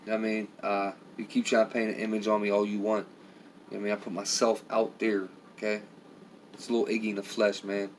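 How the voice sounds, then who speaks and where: This vlogger is a middle-aged man whose low, raspy voice sounds weary and worn as he rambles through a live stream, packing his speech with filler phrases. A faint hum lingers in the background.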